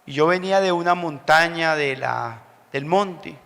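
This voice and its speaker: A man from Colombia with a Bogotá accent, preaching a sermon as a pastor, telling stories slowly and building up to loud preaching. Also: fairly high pitch, gravelly. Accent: Bogotá Spanish. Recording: long hall reverb.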